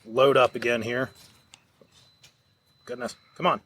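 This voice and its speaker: A man's voice: mid-range voice, big pitch swings, slow, vocal fry, a bit bright. A man co-hosting a podcast in casual chat, often stumbling and repeating words as he starts a sentence. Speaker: podcast co-host.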